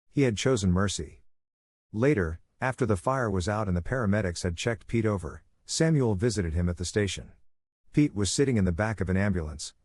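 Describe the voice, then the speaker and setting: A man narrating a dramatic story in a steady, measured storytelling delivery. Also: lowish voice, dry recording, studio quality.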